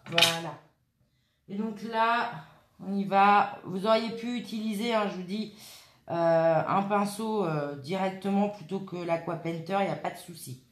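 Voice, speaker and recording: With a fairly low voice, a woman talks viewers through a scrapbooking tutorial at her craft table, relaxed but hesitant and full of fillers. The sound is roomy.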